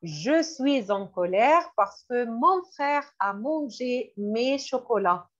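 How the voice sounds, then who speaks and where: A woman teaching French vocabulary in a classroom lesson, repeating each word slowly and glossing it in English. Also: on the high side, animated. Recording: dull lo-fi recording.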